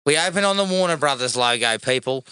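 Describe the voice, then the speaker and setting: A man's voice: medium pitch, fast talker, clear, resonant tone, no room sound. A man, co-hosting a casual movie commentary podcast while getting over a cold, joking and swearing. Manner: animated, swearing, jokey. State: recovering from a cold. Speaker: podcast co-host.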